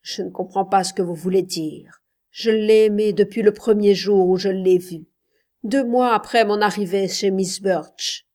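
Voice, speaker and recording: A woman's voice: mid-range voice, unhurried, a little mellow, natural voice. A woman reading aloud voices a defiant wife who answers her husband's questions in curt, cold replies in a storybook reading.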